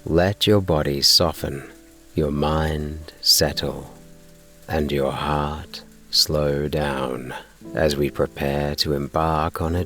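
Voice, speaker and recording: A man narrating a bedtime sleep story in a soothing, unhurried, gently measured way. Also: very deep voice. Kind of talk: slow bedtime relaxation narration and story reading.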